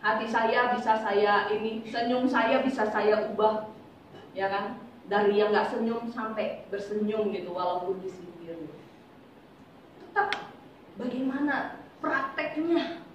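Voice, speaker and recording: A woman's voice: mid-range voice, unhurried, slight background noise. A woman giving an informal devotional talk to a congregation, chatty and teasing, full of rhetorical questions. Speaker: devotional speaker. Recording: echoey, distant, dull room recording.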